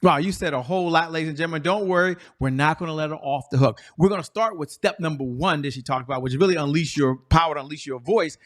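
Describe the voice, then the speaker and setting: Man, show host, enthusiastic, emphatic repetition, slightly high pitch. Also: quick pace, hardly any pauses. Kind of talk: energetic interview talk.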